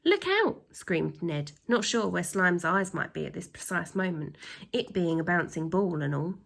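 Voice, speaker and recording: A lowish-voiced woman with vocal fry reads a story for children as a teacher might, with drawn-out, expressive emphasis and acted sound effects.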